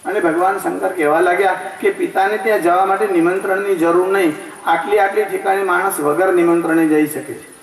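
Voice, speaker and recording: High, gravelly man giving a religious discourse. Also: steady tone, brisk. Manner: mixes sung verses and anecdotes. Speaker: scripture storyteller. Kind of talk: devotional discourse. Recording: echoey hall, distant mic.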